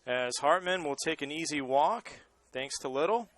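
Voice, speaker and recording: A man's voice: fairly high pitch, expressive, normal speed, a bit bright, no echo. A man with a Boston accent calling a baseball game live, mixing play-by-play with casual banter.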